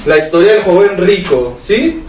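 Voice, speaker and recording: A man's voice: sits high, very animated, moderate pace, a little mellow. A man preaching a sermon, asking rhetorical questions and reading scripture aloud to his listeners. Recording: echoey room, mic at a distance, faint noise.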